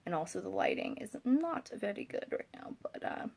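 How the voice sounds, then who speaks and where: A woman's voice: medium pitch, very animated, normal speed, creaky, darkish tone, slightly rough. A young woman chatting casually as a vlogger, tired and rambling with hesitations, her speech slightly thick from a swollen tongue. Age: young adult. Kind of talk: casual chat to camera.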